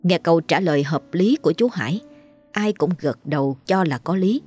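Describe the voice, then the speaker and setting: A woman narrating a ghost story in a calm, measured storytelling manner. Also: lowish voice, breathy edge, soft background music.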